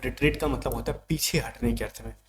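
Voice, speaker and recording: A man's voice: mid-range voice, fast, noisy background. A man teaching an exam vocabulary lesson, explaining words step by step and checking in with his students often.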